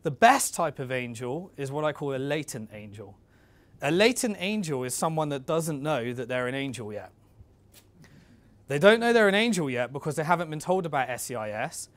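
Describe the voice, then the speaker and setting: A male presenter with a mid-range voice gives an informal instructional talk, conversational and coaching as he addresses his listeners directly. The recording is dry.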